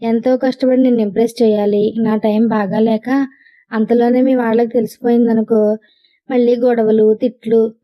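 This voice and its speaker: A woman's voice: fairly high pitch, level tone, moderate pace, muffled recording, natural voice. A woman voicing a cheeky, confident young male suitor in a playful, teasing way.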